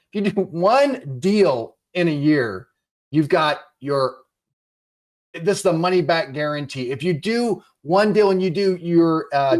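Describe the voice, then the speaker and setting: A man coaching real estate investors, giving an urgent, encouraging sales pitch and repeating his phrases.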